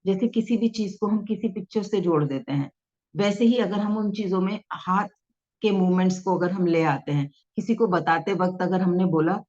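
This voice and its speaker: A woman's voice: mid-range voice, moderate pace, darkish tone. A woman teaching in a patient, instructive way, repeating her points and reading passages aloud with expression. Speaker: self-help teacher. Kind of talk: explanatory talk to camera. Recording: dull lo-fi sound.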